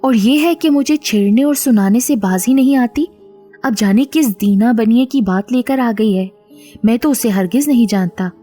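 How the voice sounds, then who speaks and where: A woman's voice: a little high, normal speed, mellow, soft background music, natural voice. A woman reading the part of a touchy middle-aged male servant who complains indignantly.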